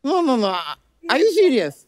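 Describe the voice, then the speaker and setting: A man's voice: very high voice, wildly swooping pitch, drawn-out words, darkish tone, heavily acted. A man playing a bumbling, pompous middle-aged lawyer in a studio comedy sketch, fumbling English idioms with mock confidence. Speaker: comic character. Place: television studio stage. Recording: studio audience and noise.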